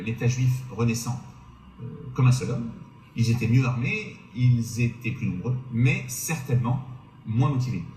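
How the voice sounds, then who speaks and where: Man, mid-pitched voice, history explainer, rhetorical questions, hesitant fillers, roomy echo. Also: darkish tone. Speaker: history video presenter. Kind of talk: explanatory history narration to camera.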